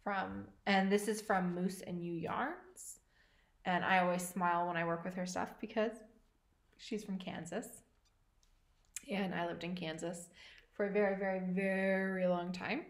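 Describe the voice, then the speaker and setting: A woman's voice: lowish voice, steady tone, a little slow, reverberant. A woman co-hosting a podcast, chatting casually and enthusiastically about knitting. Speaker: podcast co-host.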